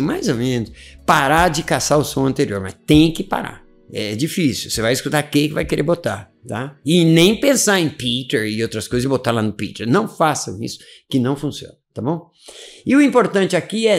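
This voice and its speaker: A man teaching a casual video lesson, animated and repetitive, checking in often with his listeners. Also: a little high, moderate pace, vocal fry, soft background music. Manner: animated, repeats words, frequent "tá?" check-ins. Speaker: English teacher.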